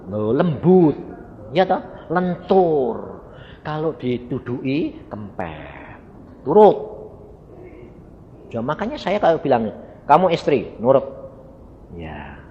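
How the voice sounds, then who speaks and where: A middle-aged preacher, telling stories and acting out conversations in an unhurried, lively sermon. His voice rings through a long-echoing hall on a dull, muffled recording with faint background noise. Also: mid-range voice. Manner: storytelling, acts out dialogue, addresses audience as brothers.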